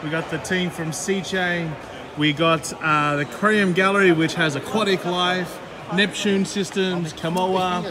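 In a large indoor expo hall buzzing with background chatter, a man gives a fast, upbeat tour of aquarium booths for his vlog, filmed on a handheld gimbal. His voice is high-pitched with fairly even intonation.

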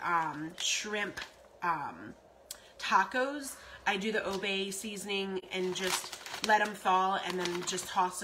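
A rambling woman vlogs in a home kitchen, filmed on a phone held close. She talks at an ordinary mid pitch, full of ums and repeated phrases. The recording carries a clear layer of background noise. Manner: chatty, rambling, with frequent ums and self-repeats. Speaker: vlogger. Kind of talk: casual grocery haul vlog. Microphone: phone camera at arm's length.

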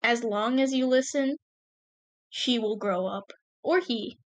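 This one is slow-paced and fairly high-voiced with no echo: a young adult podcast co-host and co-creator in playful, casual banter. She leans into mock-dramatic humor while delivering a thank-you message.

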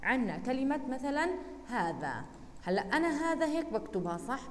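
A woman teacher with a Jordanian accent, giving a recorded lesson and drilling words slowly syllable by syllable. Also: sits high, big pitch swings, long reverb tail, slight background noise. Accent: Jordanian Arabic. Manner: slow, deliberate syllable-by-syllable drilling.

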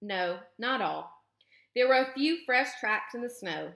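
A woman, a teacher, reading a children's book aloud with expressive, steady storytelling. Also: on the high side, a little slow, creaky, noisy background. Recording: roomy echo.

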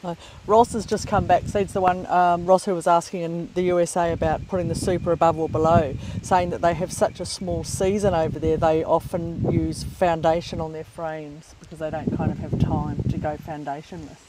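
A man's voice: on the high side, little pitch movement, normal speed, few pauses. A man casually relaying questions as an off-camera host, recorded outdoors. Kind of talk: casual live question reading. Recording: outdoor recording, faint background noise.

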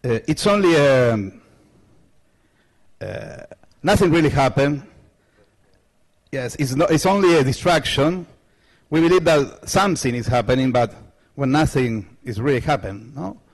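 Speaking into a handheld mic on the stage of a big lecture hall, this Argentinian conference presenter has a mid-range, expressive voice. His English is slow and non-native, halting with frequent fillers and restarts.

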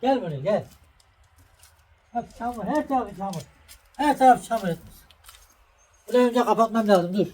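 A man's voice: high voice, expressive, normal speed, pauses often, a little mellow. A middle-aged man hosting a casual home vlog, making a sandwich for viewers and then calling and coaxing an animal. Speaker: vlog host. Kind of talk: casual cooking and farm vlog.

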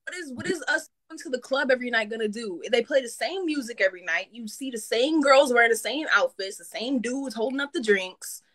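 A young woman hosting a casual livestream, talking candidly and swearing freely in quick bursts. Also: a little high, lively intonation, a bit bright. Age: young adult. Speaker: livestream host. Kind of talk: casual live-stream chat.

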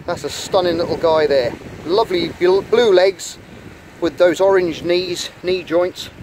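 A middle-aged man with a higher voice hosts a casual nature vlog on a rocky beach, quietly and enthusiastically chatting as he handles rock-pool creatures on a hand-held camera. He speaks a little slowly, the audio is poor, and faint wind and water noise can be heard.

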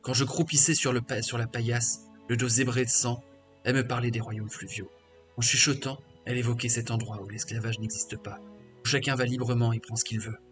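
A man's voice: medium pitch, fairly even intonation, a little fast, lightly acted. A man voicing a bitter, defiant male half-orc warrior mage who was once a slave, reading crude, scornful game dialogue aloud over faint game music.

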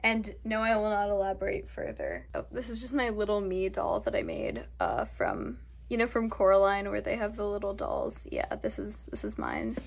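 In a home vlog shot in her bedroom and kitchen, a woman chats casually about her day, playful and self-deprecating. Her medium-pitched, creaky voice moves at normal speed with huge pitch swings.

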